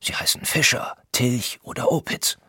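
A man's voice: moderate pace, bright, forceful tone, dry recording, studio quality, lightly acted. A man voicing a sickly, feverish young male art student who speaks weakly and half in a whisper. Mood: ominous. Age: young adult. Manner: weak, half-whispered, uneasy. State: breathy and weak.

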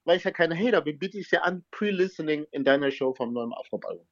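Schnell redender, neckender Rapper. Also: male voice, fairly high pitch. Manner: teasing, fast, animated. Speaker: rapper guest. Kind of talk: playful interview banter. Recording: dull lo-fi clip audio.

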